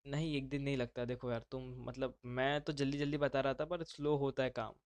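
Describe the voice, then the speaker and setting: A man's voice: mid-range voice, level tone, fairly quick, clear, resonant tone, dry recording. A man teaching a live online class, talking casually and mixing in English terms. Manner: casual, brotherly, mixes English terms into speech.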